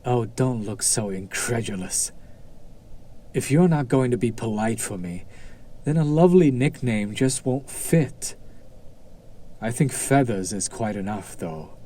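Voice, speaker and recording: In a roleplay audio drama, a man voices a smug, seductive demon, coaxing and condescending, with deliberate pauses and a teasing menace. His mid-range voice is mellow and expressive.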